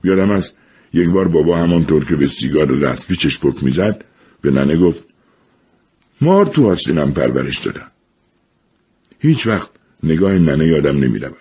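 Low, husky male storyteller. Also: warm tone. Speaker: narrator. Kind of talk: storybook narration.

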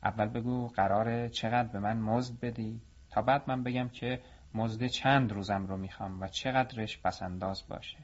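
A man's voice: fairly low pitch, fairly even intonation, dull audio, natural voice. A man voicing an indignant young male potter who has been cheated of his wages, in a storybook reading. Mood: protesting.

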